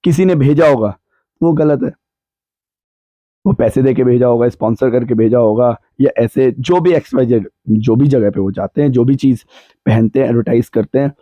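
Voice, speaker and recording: Hoarse man with a very dark voice. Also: medium pitch, dry recording, dull audio. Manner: measured, explanatory, weighs both sides. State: hoarse, sore throat. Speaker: podcast guest answering questions. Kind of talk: reflective podcast discussion. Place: cold hill town, bundled up.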